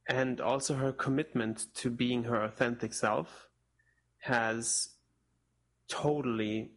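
A young man from Spain, raised in Portugal, with German as his first language, speaks as a guest in a casual interview. His medium-pitched, steady, slightly bright voice is reflective and halting, with frequent restarts, and the recording is rough.

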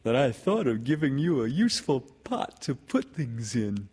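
A man voicing a kindly, slow-witted storybook bear who is childlike, cheerful and earnest, with a halting delivery. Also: medium pitch, wildly swooping pitch, a little mellow, breathy edge, voice pushed up, full character voice.

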